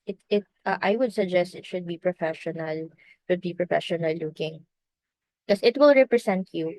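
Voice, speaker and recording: A woman with a Filipino accent, her voice sitting a little low, talking through a relaxed screen-share lesson. She drifts between languages mid-sentence, stops for fillers and restarts, and sounds close and dry on the mic. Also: normal speed, dry recording, low-quality recording. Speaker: virtual assistant trainer. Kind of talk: casual screen-share training.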